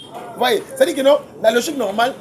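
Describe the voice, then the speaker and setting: A man, debating music as a guest commentator, excitable and quick to laugh, often repeating his words. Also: very high voice, slight background noise. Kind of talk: heated casual debate.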